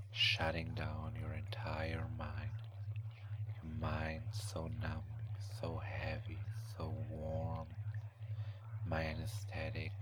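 A man softly whispering a slow, soothing hypnotic relaxation and countdown, in a hushed, breathy, repetitive manner. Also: extremely low pitch. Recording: clearly audible background noise.

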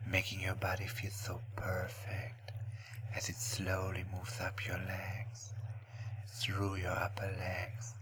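A man speaking as a slow, soothing hypnotist in a hushed, breathy voice, guiding relaxation with long pauses. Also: low voice, noisy background. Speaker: hypnosis recording narrator. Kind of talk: guided relaxation hypnosis narration.

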